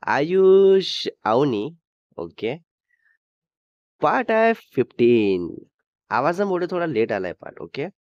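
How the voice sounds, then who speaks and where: A man telling a romantic couple story in steady narration. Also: medium pitch, a little slow, pauses often, no echo. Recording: dull dry sound.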